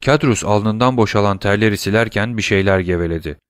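A man reading a novel aloud in scripted audiobook narration, measured and suspenseful. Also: lowish voice, clean tone, no echo, clean studio sound.

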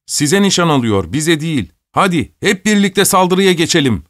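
Man voicing rowdy schoolboys, high and loud, jeering, shouting taunts, dry sound. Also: animated, moderate pace, dry recording. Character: excited jeering schoolboys around eleven.

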